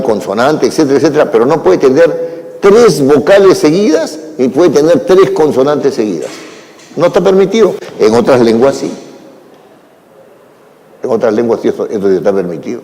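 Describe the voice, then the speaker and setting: A male lecturer addresses a class in an unhurried, explanatory manner, checking in with his listeners as he goes. His voice is dark and mellow, and a long reverb trails each phrase as if the room were a large hall. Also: medium pitch. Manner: unhurried, explanatory, with frequent "¿no?" tags and fillers.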